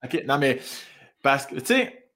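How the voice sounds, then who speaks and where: A comedian in his thirties with a Québécois accent, telling stories in casual chat, animated and swearing freely. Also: medium pitch, a little slow. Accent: Québécois French. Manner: animated storyteller, swears freely, laughs often. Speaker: comedian guest.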